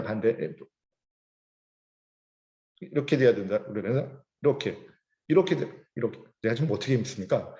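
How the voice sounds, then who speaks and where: A middle-aged man teaching a poem in a lively lecture, acting out sneering laughs and scolding voices. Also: mid-range voice. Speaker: literature teacher. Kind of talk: poetry lecture. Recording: dull lo-fi recording.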